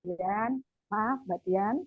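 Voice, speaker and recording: A woman's voice: mid-range voice, very slow. A woman speaking apologetically on a video call whose audio keeps breaking up and cutting out. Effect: audio breaking up on a weak connection. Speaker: online class participant. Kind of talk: casual chat on a video call. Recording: tinny, choppy online call line.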